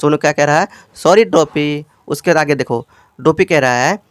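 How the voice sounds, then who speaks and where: Guy with hindi accent teaching english from a kids story, smooth clear voice, dry close mic, reads english slow then explains. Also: a little high, no echo. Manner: explains slowly, repeats lines, asks students questions; reads English lines very slowly, word by word. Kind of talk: bilingual English lesson reading a storybook.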